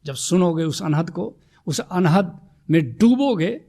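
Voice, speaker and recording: A man giving a sermon as a spiritual teacher, reciting devotional verses slowly and then urging his listeners with rhetorical questions. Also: sits high, lively intonation, warm tone.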